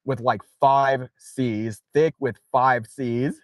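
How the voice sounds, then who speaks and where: Male streamer, mid-pitched voice, slow easygoing delivery, dry close sound in a car, loose and profane, reads chat aloud. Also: steady tone, dry recording. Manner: reads viewer chat aloud, swears freely, laughs often. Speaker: livestream host. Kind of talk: casual late-night livestream chat. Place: inside his parked car.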